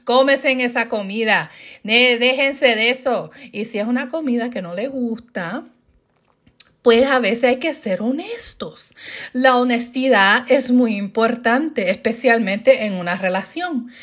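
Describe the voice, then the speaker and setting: High-pitched lady venting to her viewers, animated, laughs a lot. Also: unhurried. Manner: animated ranting, laughs often, rhetorical questions. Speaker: vlogger. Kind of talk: casual monologue to viewers.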